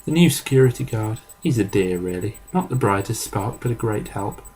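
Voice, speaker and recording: A man voicing a kind, chatty female office receptionist who talks in a warm, reassuring, gossipy manner. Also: on the low side, lively intonation, normal speed, a little hiss or hum.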